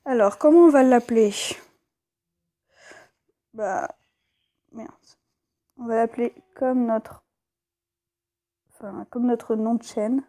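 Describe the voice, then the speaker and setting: Chatty woman, slightly high, mellow voice. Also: slow pace, long pauses. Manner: chatty, hesitant, with fillers and stumbles when reading. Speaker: let's play host. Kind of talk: casual gameplay commentary.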